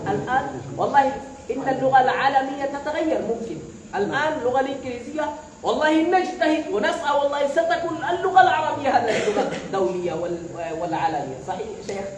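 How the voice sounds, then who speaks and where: A high-voiced student speaker from Bangladesh fires up his classmates with a fast motivational speech, using lively intonation and call-and-response questions. The room is echoey, he is far from the mic, and a crowd and other noise can be heard behind him.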